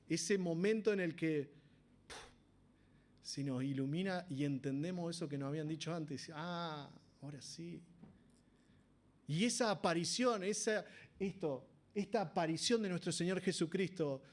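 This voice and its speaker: A man's voice: fairly high pitch, animated, normal speed. A man with an Argentine Spanish accent preaching a sermon in a church, talking conversationally and often asking the congregation rhetorical questions.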